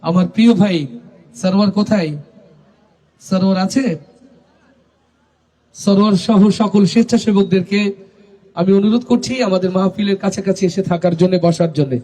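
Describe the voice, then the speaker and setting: High-voiced man rousing a religious crowd. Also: steady tone, normal speed, long pauses. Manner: rousing call-and-response, urging the crowd to answer louder; rising into shouted chants. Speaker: gazal singer leading a religious gathering. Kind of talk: live address to a religious gathering. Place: large public religious gathering. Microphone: stage microphone through a public address system.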